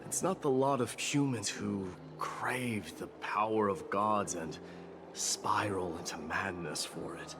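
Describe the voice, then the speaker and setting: A proud, solemn young warrior king, newly ascended as a war demigod, speaks slowly in a grave, deep voice during a scripted game cutscene. His manner is formal and declamatory, his mood calm and resolute, and loud music plays under the dialogue.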